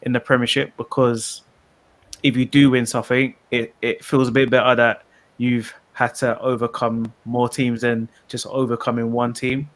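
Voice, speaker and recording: A man's voice: medium pitch, level tone, normal speed, no echo. A man, co-hosting a casual football podcast over a remote call, slangy and loose in how he talks. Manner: laid-back, slangy, talks in loose run-on sentences. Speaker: podcast co-host.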